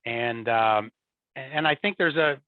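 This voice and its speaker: An executive in support and field services speaks slowly as an interview guest, his medium-pitched voice captured in tinny, dry remote-call audio with no room sound. He's conversational, repeats words, and keeps adding "you know" and "right?".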